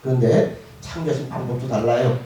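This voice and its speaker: A male pastor giving a lively sermon to students in a school chapel, often asking them questions. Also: mid-range voice, brisk, a little hiss or hum. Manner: lively, asks the audience questions. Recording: echoey hall from far off.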